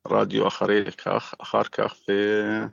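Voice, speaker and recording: Creaky-voiced man with an Israeli accent, phone line. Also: fairly low pitch, monotone, dry recording. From Gaza. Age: middle-aged. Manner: halting, searching for words. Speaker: interview guest by phone. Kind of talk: informal interview answers. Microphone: phone call. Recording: muffled, dull phone line.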